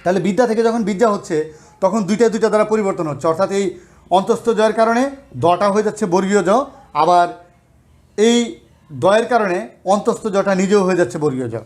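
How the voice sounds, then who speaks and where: High-voiced man teaching grammar. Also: fast talker, long pauses. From Bangladesh. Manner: explanatory, checks in often with rhetorical questions. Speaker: college lecturer. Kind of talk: grammar lesson.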